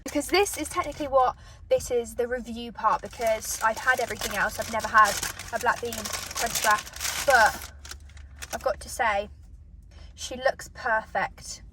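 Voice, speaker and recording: A British woman chatting casually to camera as she eats, pausing for bites as a mukbang host. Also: fairly high pitch, steady tone, bright, forceful tone. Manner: eating as she talks, with pauses for bites. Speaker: mukbang host eating and reviewing food. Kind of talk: casual chat to camera while eating. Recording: distant microphone, noticeable background noise.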